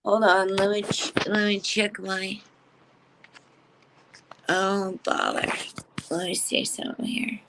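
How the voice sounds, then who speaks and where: A woman's voice: mid-range voice, slow, gravelly, long pauses, noisy background. A woman joining a livestream by video call, her voice choppy and breaking up from a bad connection, chatting casually. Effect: choppy, breaking-up audio from a bad connection. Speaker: livestream guest. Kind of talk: casual chat.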